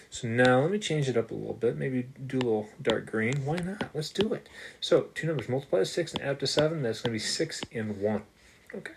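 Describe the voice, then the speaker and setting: A man's voice: mid-range voice, gravelly. A man who is a math teacher, talking through examples while writing on screen, upbeat and joking at his own slips. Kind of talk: screen-capture math lesson. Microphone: desktop microphone. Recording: noisy desktop recording with ticking.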